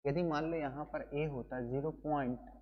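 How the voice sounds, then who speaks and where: A man's voice: fairly high pitch, steady tone, moderate pace, long reverb tail, narrow, tinny audio. A male teacher giving an exam coaching lesson, playful and chatty, who keeps calling his students brother and explains with wedding and party stories.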